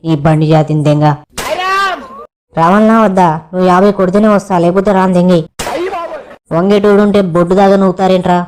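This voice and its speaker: Fast-talking young man. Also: high voice, a little mellow, a little hiss or hum. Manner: cheeky crude banter. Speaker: comedy skit creator. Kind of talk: village comedy skit acting.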